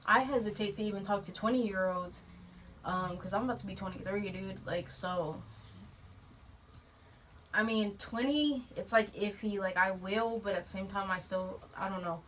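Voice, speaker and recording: A woman's voice: medium pitch, normal speed, fairly bright tone. A woman in her twenties co-hosting a podcast in casual chat, blunt and slangy. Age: 20s. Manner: blunt, slangy, throws in "dude" and "bro". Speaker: podcast co-host. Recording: distant mic with faint noise.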